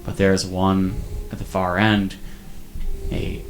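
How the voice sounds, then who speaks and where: A man narrating a tabletop game as game master, describing scenes in a halting, descriptive way. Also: low voice, monotone, over loud music.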